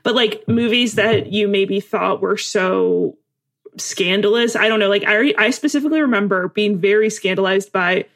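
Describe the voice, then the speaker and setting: Woman, gravelly creaky voice, quick jokey asides, casual podcast chat. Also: mid-range voice, a bit bright. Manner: quick reactive interjections and jokes. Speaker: podcast co-host.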